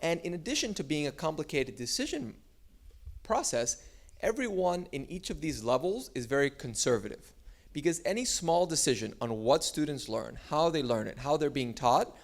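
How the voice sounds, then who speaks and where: A man's voice: fairly high pitch, normal speed. Man giving a loose, conversational talk. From Miami, United States. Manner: relaxed, loose delivery with frequent "uh" and restarts. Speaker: startup founder giving a talk. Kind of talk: conference talk.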